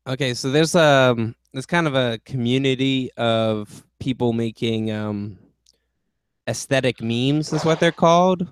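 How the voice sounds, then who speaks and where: A male comedy podcast co-host with a smooth, clear voice. He talks in a laid-back way, hesitating and searching for words. He is recorded close and dry. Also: mid-range voice, measured pace, no room sound.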